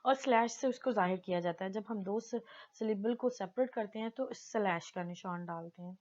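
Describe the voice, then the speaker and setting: Female tutor, deliberate classroom delivery, slightly muffled recording. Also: medium pitch, darkish tone. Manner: mixes Hindi-Urdu explanation with slowly read English definitions. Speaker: English teacher. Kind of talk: slow explanatory lesson, reading English definitions aloud.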